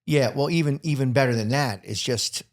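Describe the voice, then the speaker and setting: A man's voice: medium pitch, fairly quick. Candid man musing in casual talk. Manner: candid, reflective, hesitant with ums. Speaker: podcast co-host. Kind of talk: casual chat.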